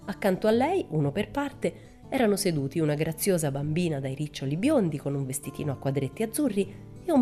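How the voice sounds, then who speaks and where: Woman storyteller, low and dark-toned, measured reading, faint music underneath. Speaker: audiobook narrator.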